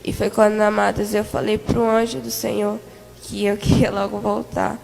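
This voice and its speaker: A woman's voice: medium pitch, flat delivery, moderate pace, vocal fry, darkish tone, in a large hall, faint music behind, low-quality recording. A woman giving an earnest spoken testimony of a vision to a congregation, often calling them "beloved". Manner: earnest storytelling, repeating "amados" to the congregation. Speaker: church member giving testimony.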